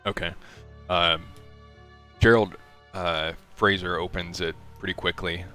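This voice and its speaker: A deep-voiced man runs a tabletop game as game master in a laid-back, filler-heavy way. His tone is bright and crisp, with soft piano music in the background. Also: little pitch movement, measured pace. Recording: faint piano music behind.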